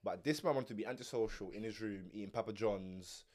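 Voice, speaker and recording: A man's voice: lowish voice, a little fast, a little mellow. A man in his twenties with a London roadman accent and heavy slang, bantering and telling stories insistently, often repeating his words. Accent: London roadman, urban slang-heavy. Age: 20s. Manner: insistent, repeats words, talks over others. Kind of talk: casual banter, storytelling among friends.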